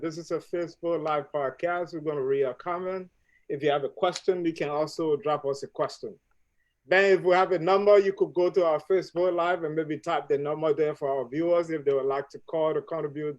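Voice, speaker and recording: A man's voice: a little high, fairly even intonation, brisk, a little mellow, rough recording. A man hosting a live-streamed family talk show, introducing his guest formally and asking long, winding questions. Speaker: host.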